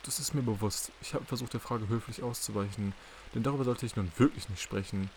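Smooth quiet shrink guy, low voice, courteous and measured, as a male reader does him. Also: a little hiss or hum, lightly acted. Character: smooth, polite male psychiatrist, quietly calculating. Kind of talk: audiobook character reading.

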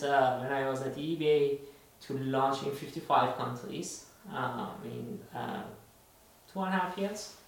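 A man from Iran co-hosts a casual podcast chat, speaking hesitantly with lots of fillers and restarts. His mid-range voice is creaky, with a little hiss or hum. The room is very echoey and the mic is distant.

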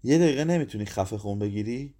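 A man reading aloud, voicing a sharp-tongued male writer who hosts the gathering. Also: fairly low pitch, expressive. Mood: angry.

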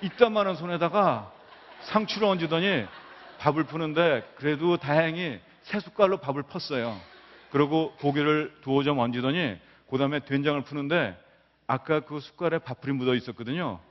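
A man's voice: fairly high pitch, moderate pace. A middle-aged male professor delivers a public lecture and spins anecdotes, acting out each quoted line. His voice carries the long reverb of a large hall. The recording is dull and lo-fi. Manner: lively storyteller acting out quotes. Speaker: business professor. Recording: roomy hall, dull lo-fi sound.

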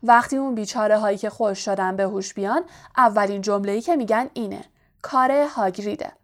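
A woman's voice: medium pitch, close to an everyday voice. A woman voicing a boastful, vain male wizard teacher in an audiobook reading, talking smugly.

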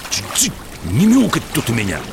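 Gruff, suspicious soldier, swooping pitch. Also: male voice, wildly swooping pitch, brisk, over loud music. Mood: stern, suspicious. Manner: barking orders, folksy old-fashioned speech. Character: gruff, suspicious soldier of Peter the Great's guard. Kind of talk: radio adventure drama acting.

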